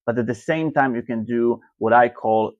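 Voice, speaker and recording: A Slovak man, a marketing coach appearing as a guest, gives interview answers in loose, filler-heavy phrasing. His voice is medium in pitch and moderately paced, heard over dry, muffled call audio with no echo.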